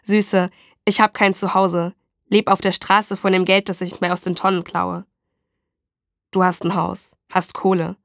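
A woman voicing a blunt, mocking homeless man who collects bottles, talking in rough street slang. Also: on the low side, flat delivery, unhurried, a bit bright, dry recording, clean studio sound.

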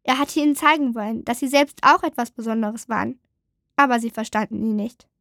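Calm woman reading a storybook aloud. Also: a little high, brisk, dry recording, studio quality. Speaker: narrator.

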